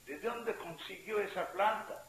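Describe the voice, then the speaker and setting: Distressed humble pilgrim, voiced by a man, slow delivery, echoey room. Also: sits high, fairly bright tone, pitched above the performer's own voice. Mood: plaintive. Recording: echoey room with faint hiss.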